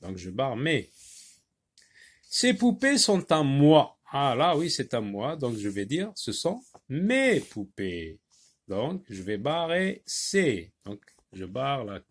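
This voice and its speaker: A man teaching a French reading lesson, talking slowly and deliberately and spelling out letters and syllables. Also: mid-range voice, big pitch swings, slightly rough.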